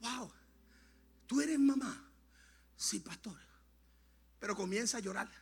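A male Puerto Rican pastor preaching a Pentecostal sermon, shouting in tongues and then dropping to quiet storytelling. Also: very high voice, normal speed, breathy edge. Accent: Puerto Rican Spanish. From Puerto Rico.

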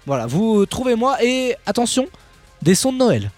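A man with a high voice hosts a radio show, bantering in a chatty, teasing way and repeating his words as he goes. Faint music plays behind him. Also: big pitch swings, normal speed, a little mellow, dry recording.

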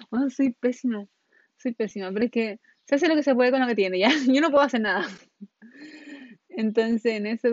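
A woman's voice: a little high, dry recording, muffled recording. Chatty young Chilean woman, rambling. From northern Chile. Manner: rambling, scattered, laughs often, heavy slang. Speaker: podcast host. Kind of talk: casual storytelling monologue.

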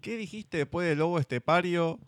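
A man's voice: fairly high pitch, moderate pace, crowd noise. A man with a Rioplatense Argentine accent hosting a literary radio show, joking with his co-host and signing off. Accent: Rioplatense Argentine Spanish. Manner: teasing, joking. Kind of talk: casual radio banter and sign-off.

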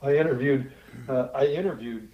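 A man's voice: mid-range voice, moderate pace, muffled recording. A man telling stories as a podcast guest, chuckling often as he talks. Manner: chuckling, storytelling. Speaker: guest, TV show host. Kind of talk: casual interview chat.

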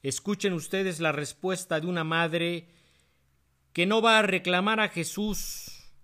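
A man preaching a sermon, citing chapter and verse in quick, lowered asides and leaning into key phrases with rising emphasis. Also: steady tone, sharp tone.

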